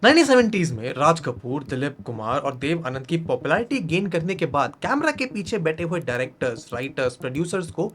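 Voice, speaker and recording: A man's voice: on the high side, big pitch swings, a little fast, few pauses, fairly bright tone, soft background music. A man narrating a video essay in a scripted, explanatory way. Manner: mixes Hindi and English, explanatory.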